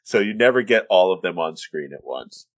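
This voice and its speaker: Man, podcast co-host, lowish voice, casual film chat, dull lo-fi recording. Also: lively intonation, normal speed. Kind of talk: casual chat about films.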